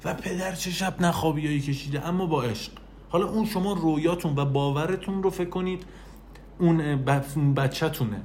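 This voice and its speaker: Man, motivational speaker, animated delivery, direct address, faint background noise. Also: a little high. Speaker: self-help speaker. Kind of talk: motivational talk.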